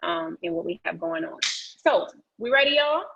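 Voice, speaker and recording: A woman's voice: mid-range voice, lively intonation, normal speed, vocal fry, bright, forceful tone, slightly rough. A woman presenting a motivational training session over a video call, chatty and folksy, encouraging people to take part. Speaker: real estate agent leading a training session. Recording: dull, muffled video-call audio.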